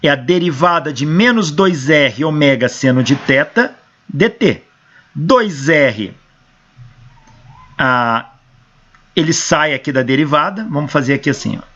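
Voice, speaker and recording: A hoarse male engineering professor with a Brazilian Portuguese accent works through equations step by step, answering his own questions. His voice is a little high and fairly bright, with lively intonation, a slightly slow pace and long pauses. The recording is dull and lo-fi.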